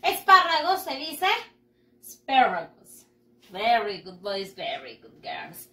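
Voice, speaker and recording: A woman teaching English to young children in a bilingual lesson, speaking slowly and patiently, drawing out each word and praising often. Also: medium pitch, very animated, pushed and bright, echoey room. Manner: slow, patient, exaggerated pronunciation with frequent praise. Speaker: primary school English teacher.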